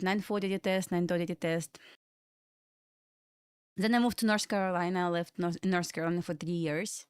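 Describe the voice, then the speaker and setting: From a home room in Florida, a young Belarusian woman with a Russian accent runs a live trading stream, talking casually and rambling as she answers chat between market commentary. Her medium-pitched voice has a clean tone. The studio sound is clean with no echo.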